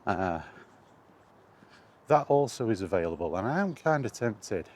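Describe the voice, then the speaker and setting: In a lowish, darkish voice with a sing-song lilt and measured pace, a middle-aged man talks casually about video games. He's a vlogger giving a rambling, reflective monologue and often repeats phrases for emphasis. Ambient noise is clearly audible.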